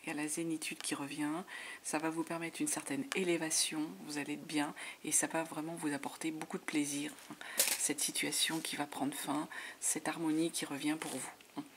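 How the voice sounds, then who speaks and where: Soft-spoken woman reading tarot. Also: sits low, level tone, normal speed. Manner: soft, half-whispered delivery with many fillers. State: voice giving out, clearing throat. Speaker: tarot reader. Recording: noisy home recording.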